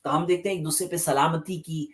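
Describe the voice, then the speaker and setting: A man's voice: a little high, fairly even intonation, fairly quick, fairly bright tone. A man giving a religious lecture, emphatic and repeating key phrases for stress, with English terms mixed into his speech. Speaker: Islamic lecturer.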